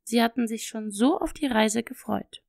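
A woman narrating a children's storybook audiobook in a gentle, lively storytelling manner, close to the microphone. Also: a little high, normal speed, vocal fry, no echo.

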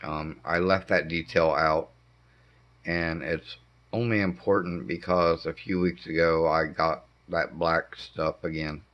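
A middle-aged man with a hoarse voice impaired by throat cancer treatment, giving a halting, casual update at home with many pauses. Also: low voice, little pitch movement. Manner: slow, halting delivery with frequent ums. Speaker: homestead vlogger. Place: dim living room indoors. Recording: dull lo-fi camera audio.

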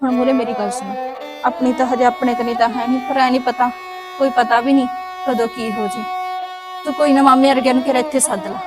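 A woman playing a high-voiced young daughter-in-law. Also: little pitch movement, fast talker, over music, lightly acted. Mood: reassuring. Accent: Malwai Punjabi. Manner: teasing then reassuring. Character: teasing, caring young pregnant daughter-in-law. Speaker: actor in a village short film. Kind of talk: village family drama.

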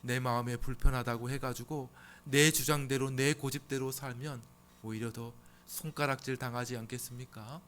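A man's voice: medium pitch, steady tone, moderate pace, fairly bright tone. A middle-aged man preaching from the pulpit in a mid-range voice. He drives his points home by repeating words and asking rhetorical questions. A faint hum sits under his voice. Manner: emphatic, acts out complaining churchgoers in a raised voice. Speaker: pastor. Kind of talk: sermon. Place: church sanctuary.

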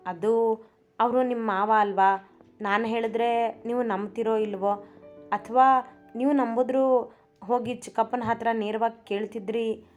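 A woman's voice: fairly high pitch, steady tone, darkish tone, lo-fi sound, faint music behind, lightly acted. A woman voicing a shy, cheeky young wife. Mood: timid. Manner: timid then teasing, quick delivery.

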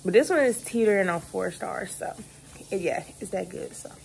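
Holding a phone close at arm's length, a young woman casually vlogs her day from her bedroom, later moving to a car in heavy rain. She rambles in a relaxed way and calls her viewers y'all, her mid-range voice at a moderate pace with vocal fry. The recording is rough, with a little hiss or hum.

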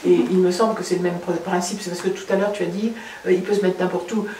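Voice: mid-range voice, flat delivery, quick pace, crowd noise. An audience member asking a thoughtful, explanatory question at a talk. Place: reverberant room in a château. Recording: echoey room, distant mic, faint noise.

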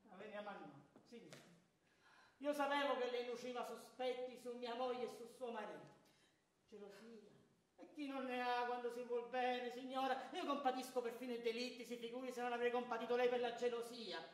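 An amateur stage actor playing Ciampa, a bitter, proud, wronged middle-aged clerk, swinging from hushed to shouting, recorded from afar on an echoey stage. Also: male voice, extremely high pitch, steady tone, a little fast, recorded from a distance. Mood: bitter, pleading. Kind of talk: stage theatre performance. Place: theatre stage. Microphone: distant room mic.

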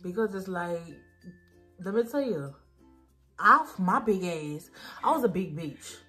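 A woman's voice: on the low side, expressive, unhurried, bright, forceful tone. Tipsy young woman, rambling. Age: young adult. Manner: slangy, profane, repeats herself. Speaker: makeup vlogger. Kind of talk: casual storytelling chat. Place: small dim room indoors. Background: faint music.

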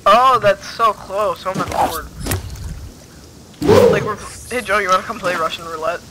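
A man hosting a casual gaming video, joking and excitable as he plays. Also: sits high, normal speed, heavy background noise. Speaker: gaming channel host. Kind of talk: casual gameplay commentary. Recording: loud game sounds and mouse clicks.

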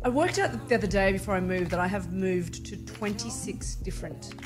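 A woman in her forties from Vietnam, raised in Australia, chatting as a guest journalist in a casual, self-mocking way, laughing often, into a studio boom mic. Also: brisk, over music. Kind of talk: casual interview chat. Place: studio with neon-lit backdrop. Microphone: studio mic on boom arm.

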